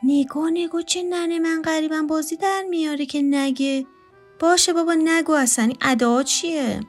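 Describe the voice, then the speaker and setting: A woman's voice: high-pitched, fairly even intonation, faint music behind, voice pushed up, close to an everyday voice. A woman voicing a sarcastic, teasing houseguest. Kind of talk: read storytelling.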